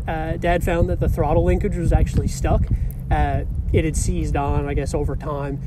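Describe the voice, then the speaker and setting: A young man seated on a rocky seashore, telling a car story to the camera in a relaxed, conversational way with fillers. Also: on the high side, heavy background noise. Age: young adult. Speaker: car vlogger. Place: rocky seashore outdoors, beside a small fire.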